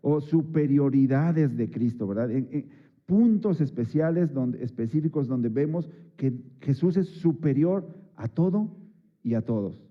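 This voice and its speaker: A man's voice: mid-range voice, lively intonation, unhurried, dull audio. A man preaching a Sunday sermon in a chatty way, with many fillers and rhetorical asides to the congregation. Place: church service.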